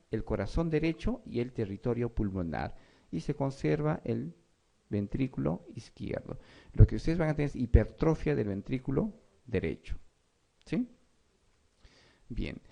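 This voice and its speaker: A man's voice: mid-range voice, creaky, warm tone. A man giving an exam review lecture, reading questions and explaining them, often checking in with his students. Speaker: medical lecturer.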